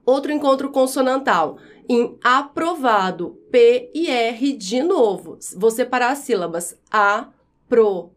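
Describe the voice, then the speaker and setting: Woman teacher going over grammar, high voice, spells out example words nice and slow. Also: expressive. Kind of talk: explaining a grammar lesson.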